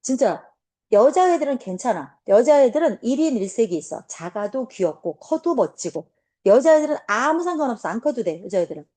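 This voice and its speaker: A woman teacher in her forties telling a class a blunt, animated story, swearing now and then. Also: a little high, brisk. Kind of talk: casual classroom talk.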